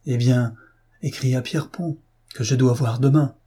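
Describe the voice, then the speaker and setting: A man's voice: medium pitch, steady tone, moderate pace, warm tone, slightly rough, lightly acted. A man reading an audiobook, voicing a loyal woman friend who speaks sternly and earnestly.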